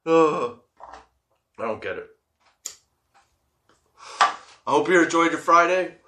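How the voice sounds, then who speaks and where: A man's voice: a little high, animated, takes it slowly, noisy background. A man hosting a casual, comedic solo podcast, stoned and rambling, giggly, drawing out the odd word. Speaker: podcast host.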